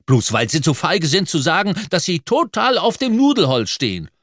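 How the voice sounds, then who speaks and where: A man's voice: fairly high pitch, huge pitch swings, normal speed, a bit bright, dry recording, studio quality, pitched above the performer's own voice, full character voice. A man voicing an indignant young sidekick ranting in anger in an audiobook. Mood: furious. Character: furious young male sidekick. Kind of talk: audiobook character voice.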